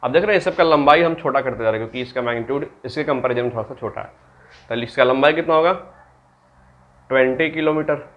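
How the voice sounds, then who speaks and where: A man's voice: medium pitch, fast talker, highs cut off. A man teaching a maths class, mixing in English terms and answering his own questions for the students. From Bihar, India. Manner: asks students questions and answers them himself; mixes English terms into Hindi. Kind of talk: classroom lecture.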